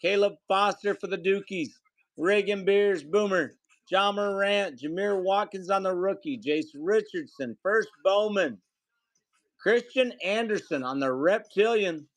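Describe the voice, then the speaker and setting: Male card-break host, high voice, unhurried, rattling off names; dry close sound. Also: dry recording. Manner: rattles off names, calls out hits to viewers. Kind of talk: live card break play-by-play.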